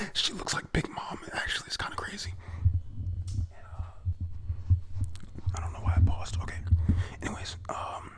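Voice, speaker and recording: Slow, whispering man doing ASMR. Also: a bit bright. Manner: whispered, rambling, with frequent fillers and self-corrections. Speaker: ASMR manga reviewer. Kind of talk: whispered ASMR comic review.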